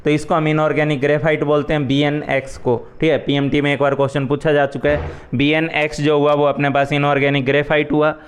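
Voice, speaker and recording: Smooth-voiced male chemistry teacher. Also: fairly high pitch, little pitch movement, fairly quick. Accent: Hindi. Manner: explains step by step, repeats "ठीक है" often. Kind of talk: exam revision lecture.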